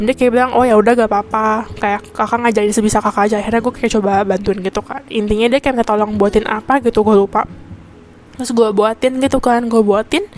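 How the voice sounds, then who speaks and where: Fast-talking young woman with Jakarta slang. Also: a little high, a little mellow. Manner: chatty, rambling, self-correcting, constant filler questions. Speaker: podcast host. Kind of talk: casual venting monologue.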